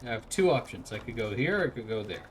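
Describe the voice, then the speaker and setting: Casual male gamer over clear background noise. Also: mid-range voice, animated, fast. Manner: offhand, playful, muttering to himself. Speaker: gaming video host. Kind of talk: casual let's play commentary with playful read-out of dialogue.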